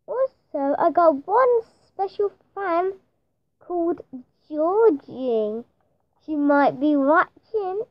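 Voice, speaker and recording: A woman's voice: very high voice, expressive, slow, no room sound. A woman hosting casual gameplay commentary, hesitant and rambling as she wonders what to say next. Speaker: gameplay channel host. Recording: dull lo-fi dry sound.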